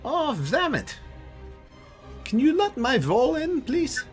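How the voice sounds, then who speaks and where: Man playing a squeaky, oddly accented, cheerful stranger in a tabletop game; friendly, a little off. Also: sing-song, slow, soft background music, heavily acted. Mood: chirpy. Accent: put-on odd foreign accent. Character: strange cheerful male stranger who eats monsters.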